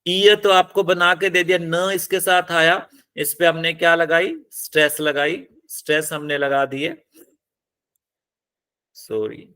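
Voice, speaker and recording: Male phonetics teacher, slightly high voice, patient repeated drilling. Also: level tone, sharp tone, smooth. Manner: drills words slowly, repeating each several times. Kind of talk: classroom-style lesson.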